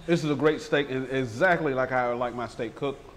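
A man's voice: mid-range voice, a little fast, a little hiss or hum, low-quality recording. A man hosting a local TV food segment, tasting dishes at a restaurant table and gushing over them in casual, enthusiastic chat. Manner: effusive, enthusiastic, chatty. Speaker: TV food show host.

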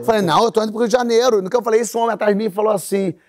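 A Brazilian man in his forties, hosting a talk show, narrates a funny mishap with lots of energy. His voice sits fairly high, and he slips in brief impressions of the people in the story. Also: rapid-fire, noisy background. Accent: Brazilian Portuguese. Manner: animated anecdote telling with voiced characters. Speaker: host.

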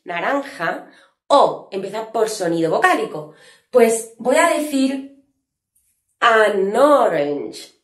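Lively-voiced woman teaching a lesson. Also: medium pitch, roomy sound. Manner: clear, patient explaining with slow drawn-out example words. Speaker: English teacher. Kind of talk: online grammar lesson.

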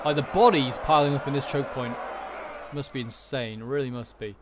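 A man's voice: medium pitch, moderate pace, a crowd in the background. A man giving casual commentary on a strategy game battle, thinking aloud as he watches. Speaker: gaming commentator. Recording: noticeable background noise, game ambience. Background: video game battle ambience.

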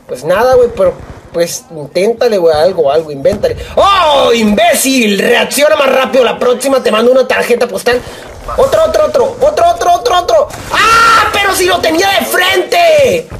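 A young man with a Mexican accent giving live gameplay commentary, swearing, joking in rambling asides and yelling at opponents. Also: very high voice, slight background noise. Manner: profane, excitable, yells at opponents. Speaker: gaming YouTuber.

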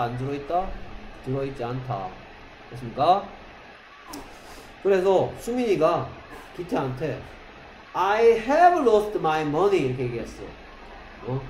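A man teaching an English grammar lesson in a classroom, quizzing students with constant questions and reading English examples slowly, word by word. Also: on the high side, a little mellow. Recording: echoey classroom with faint noise.

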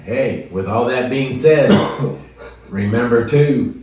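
A man's voice: medium pitch, takes it slowly, a little mellow. A man in his fifties, a co-host chatting casually in short remarks. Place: small indoor room, seated at table. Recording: echoey room, distant microphone.

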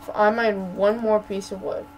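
A woman's voice: mid-range voice, little pitch movement, moderate pace, darkish tone, a little hiss or hum, low-quality recording. A woman giving casual gameplay commentary as a channel host, stammering and repeating words while ranting in exasperation.

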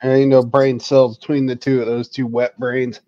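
A man's voice: medium pitch, flat delivery, moderate pace, dark tone, no echo, lo-fi sound. A man co-hosting a casual livestream chat, talking in a crude and mocking way. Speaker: livestream co-host.

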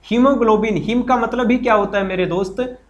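A high-voiced man runs a live online exam-prep class. He is chatty and encouraging, repeats every point and keeps asking his students questions. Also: brisk, lo-fi sound. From Haryana, India. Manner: greets viewers and reads their comments aloud. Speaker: teacher.

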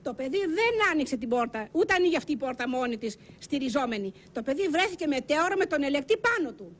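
A woman's voice: high voice, very animated, fairly bright tone. A woman giving an eyewitness account, insistent and repeating her points over and over.

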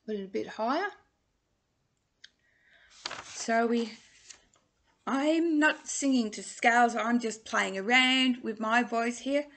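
Teaching singing over video from a small room at home, this woman in her sixties carefully enunciates vowel words into her laptop webcam. Her voice is a little high and fairly bright, and she takes it slowly, pausing often. English-born and Australian-raised, she has an Australian accent with a trace of English.

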